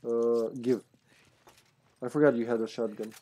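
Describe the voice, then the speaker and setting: Playful, excitable male game streamer, mellow tone. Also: medium pitch, moderate pace. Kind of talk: casual chat while playing a co-op game.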